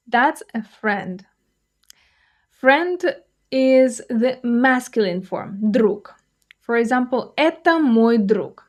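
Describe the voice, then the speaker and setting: Slow, clear woman teaching vocabulary. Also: on the high side, a little mellow. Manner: slow, careful enunciation of example words. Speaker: language teacher. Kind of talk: vocabulary lesson.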